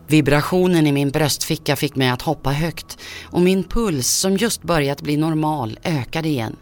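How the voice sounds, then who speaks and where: A man's voice: fairly high pitch, soft background music. Man narrating a tense horror story. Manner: tense, measured first-person telling.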